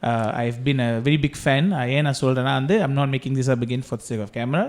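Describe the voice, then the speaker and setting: Rapid-talking man host. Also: mid-range voice, fairly even intonation. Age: 30s. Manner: chatty, teasing, mixes Tamil into English. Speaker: podcast host. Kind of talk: casual interview chat.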